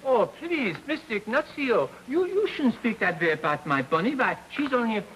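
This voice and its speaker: A gentle, fussy elephant keeper. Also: male voice, extremely high pitch, big pitch swings, normal speed, a little hiss or hum, full character voice, poor audio. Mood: coaxing. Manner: soft, coaxing and fussy. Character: gentle, sweet-natured man doting on his elephant. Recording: 1940s film soundtrack with music.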